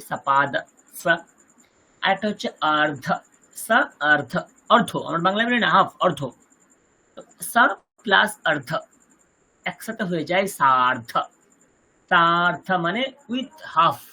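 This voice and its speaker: A Sanskrit teacher with a Kolkata Bengali accent giving an online lesson over a video call, reciting terms slowly one by one and quizzing the class. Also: mid-range voice, sharp tone, slightly rough, rough recording.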